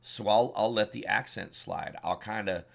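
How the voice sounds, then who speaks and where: A man's voice: on the low side, normal speed, vocal fry, fairly bright tone. A man with a Southern US accent, a dungeon master giving casual, rambling advice and often repeating words as he searches for them. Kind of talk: casual instructional talk.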